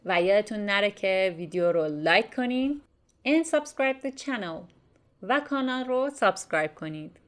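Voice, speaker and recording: Female language teacher, mid-pitched, slow clear enunciation for a lesson. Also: lively intonation. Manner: slow, careful enunciation of example words. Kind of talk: bilingual grammar lesson.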